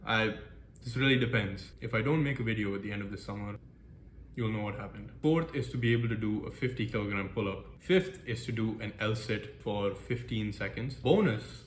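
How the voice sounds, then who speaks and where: A young man talks through his plans in a casual, upbeat vlog, joking at his own expense as he ticks through a list. His voice sits a little low. The room is echoey with a faint hiss behind him. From United States. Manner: upbeat, self-deprecating, lists goals briskly. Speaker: vlogger. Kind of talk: casual goal-setting vlog.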